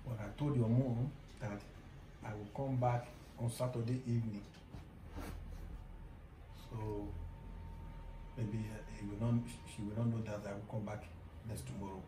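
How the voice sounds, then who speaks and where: A man's voice: fairly low pitch, flat delivery, a little slow, pauses often, close to an everyday voice. A man playing a secretive father. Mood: urging. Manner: earnest, instructing, repetitive. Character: secretive father leaving on a trip. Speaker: actor in a family skit. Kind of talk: amateur family skit acting. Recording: echoey room with clear background noise.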